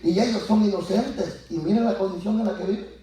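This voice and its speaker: Animated preaching man in an echoey church. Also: high-pitched, fairly quick. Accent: Latin American Spanish. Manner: animated preaching, acts out biblical voices, rising to shouts. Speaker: pastor. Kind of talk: Pentecostal sermon. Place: church sanctuary. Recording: echoey church heard from far off. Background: congregation answering.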